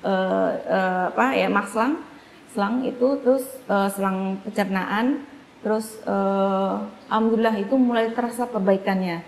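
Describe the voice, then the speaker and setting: A woman telling a family story in a casual interview, acting out the dialogue in lively voices. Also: mid-range voice, moderate pace, creaky. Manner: animated, acts out quoted dialogue. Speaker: guest sharing a family case story. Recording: echoey room with faint background noise.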